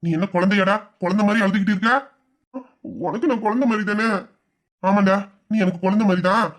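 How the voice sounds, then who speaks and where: A man voicing a tender, high-voiced elder brother. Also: steady tone, brisk, a bit bright. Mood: teasing. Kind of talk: emotional audio-drama acting.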